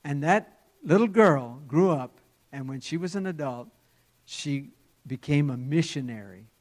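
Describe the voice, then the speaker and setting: A man preaching, telling a story in a sermon with swells and drops in loudness and halting repeats. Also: fairly high pitch, expressive.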